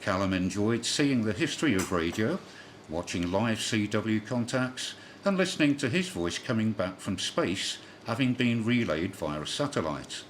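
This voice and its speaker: Over a clearly noisy shortwave broadcast, a newsreader works through a scripted amateur radio news bulletin, making the occasional slip. His voice sits fairly low, expressive and at a moderate pace, and he spells callsigns out phonetically.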